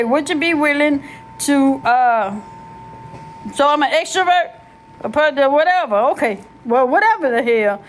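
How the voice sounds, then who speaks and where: Middle-aged woman, host, casual storyteller, fairly high voice, slangy and lively, faint hiss behind. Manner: animated, slangy, laughs and searches for words. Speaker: host telling her life story.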